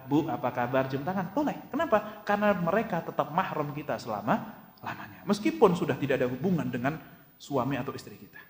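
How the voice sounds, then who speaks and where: Animated preacher in an echoey hall. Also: male voice, a little high, fast talker. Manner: jokey storytelling, acting out dialogue; addresses audience directly with questions. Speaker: Islamic preacher. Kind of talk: lively religious lecture to a congregation.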